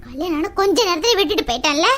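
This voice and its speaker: A woman putting on a scornful young bride who sneers and mocks as she vents in a home drama, her voice pushed lower than her usual bright tone, lively in pitch, with a faint hum of the room behind her. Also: very fast. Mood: bitter scorn. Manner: sneering, mocking. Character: bitter young bride abandoned by husband, scornful. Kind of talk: family drama skit.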